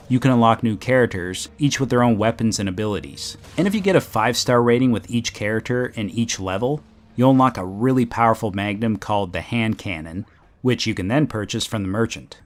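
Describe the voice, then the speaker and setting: A man with a Canadian accent reading a scripted game review, full of sarcastic joking asides. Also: medium pitch. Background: background music.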